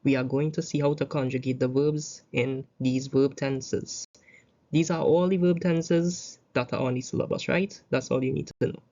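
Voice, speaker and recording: Caribbean-accented teacher, grammar lesson, deliberate recitation, dull lo-fi sound. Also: mid-range voice, steady tone, warm tone. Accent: Caribbean English. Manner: slow, deliberate reciting of conjugations with asides. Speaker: Spanish teacher.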